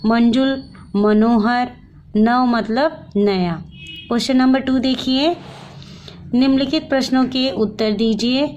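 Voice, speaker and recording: A woman teacher slowly reading out textbook questions and answers to children. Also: a little high, fairly even intonation, darkish tone, highs cut off, slight background noise. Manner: slow and deliberate, reading answers aloud to children.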